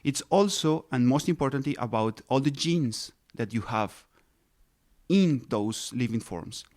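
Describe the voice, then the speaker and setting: A man's voice: medium pitch, lively intonation, unhurried, a little mellow. Colombian-raised man explaining science patiently. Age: 30s. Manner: explains patiently, many restarts and fillers. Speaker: ecologist guest. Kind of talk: interview answers, explanatory.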